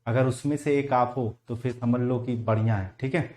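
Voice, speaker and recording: A male English teacher with a Hindi accent giving an online vocabulary lesson for exam students, explaining slowly, spelling out words and putting questions to the class. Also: medium pitch, steady tone, darkish tone.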